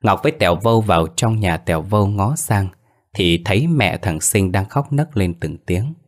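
A deep-voiced man narrates a ghost story. His telling is steady and scripted, low and even in tone. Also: moderate pace.

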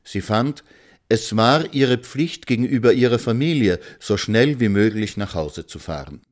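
A man narrating a story aloud in a calm, measured way. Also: fairly low pitch.

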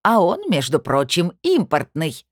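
A woman voicing a loud, indignant accusing woman. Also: sits low, big pitch swings, normal speed, dry recording, clean studio sound. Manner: shouting, indignant. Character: indignant, shrill woman official, quick to accuse.

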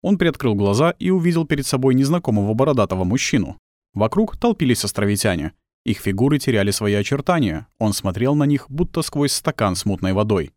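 Guy reading a dark audiobook, lively up and down voice, dry close sound. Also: mid-range voice, brisk, no echo. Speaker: audiobook narrator. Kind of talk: dramatic audiobook narration.

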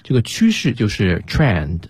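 A man's voice: on the low side, wildly swooping pitch, measured pace, breathy edge, no room sound. A man co-hosting a radio English lesson, explaining words in a chatty, conversational way. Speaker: co-host teacher. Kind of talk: bilingual radio language lesson.

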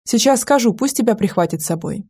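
Brief: woman voicing a calm, kindly estate guard for an audiobook; mellow, husky, unhurried. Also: on the high side. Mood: calm coaxing. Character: calm good-natured male estate guard. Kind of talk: audiobook character voice.

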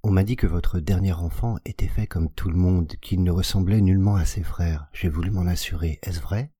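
A man's voice: deep voice, steady tone, normal speed, mellow, husky, dry recording, studio quality. A man reading an audiobook, voicing the narrator's stern friend as he asks probing questions.

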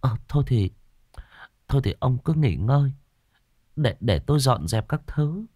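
A man's voice: medium pitch, lively intonation, measured pace, mellow, no room sound, clean studio sound, pitched above the performer's own voice. A man voicing an elderly village wife who fusses worriedly over her husband in a ghost story. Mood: fretful. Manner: worried, fussing.

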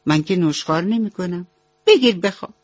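A woman's voice: lowish voice, lively intonation, no echo. A woman voicing a grumpy, bossy mouse who is a foster mother, talking in a curt, scolding way. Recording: slightly dull radio recording.

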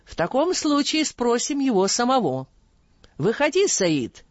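A commanding older caliph, voiced by the audiobook reader, who interrogates with stern authority. The voice moves lively up and down as he presses his questions. The recording is dry and somewhat muffled. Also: mid-range voice, unhurried, dry recording, pitched above the performer's own voice. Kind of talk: audiobook reading.

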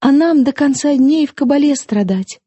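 A fierce, defiant young woman with a sharp, mocking edge, as a woman narrator puts her on. Her voice sits higher and pushes louder than the reader's own, dry and close. She bursts out in hot, scornful outbursts. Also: animated, moderate pace, no echo.

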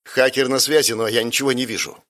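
A man voicing a young woman hacker who speaks in an uncertain, halting way. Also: mid-range voice, fairly even intonation, fairly bright tone, lightly acted.

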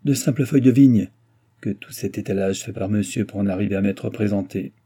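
A man's voice: on the low side, fairly quick, dark tone, breathy edge. A man reading aloud, voicing a proud, imperious young princess in a raised voice. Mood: haughty. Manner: haughty, commanding.

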